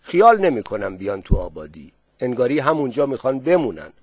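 A man's voice: medium pitch, sing-song, darkish tone, husky, no room sound. A man voicing the headman's young son, hurriedly reporting what he has seen.

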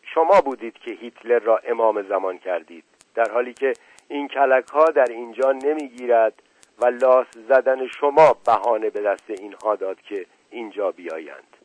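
A man's voice: mid-range voice, no room sound, close to an everyday voice, rough recording. A man voicing a stern, proud middle-aged landowner who speaks with scorn and lectures. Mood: lecturing.

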